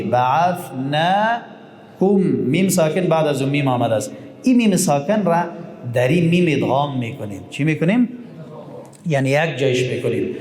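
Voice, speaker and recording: A man teaching Quran recitation, explaining rules and chanting verses slowly. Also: a little high, a little mellow. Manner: explains slowly, then chants verses in long drawn-out tones. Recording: echoey room with long reverb.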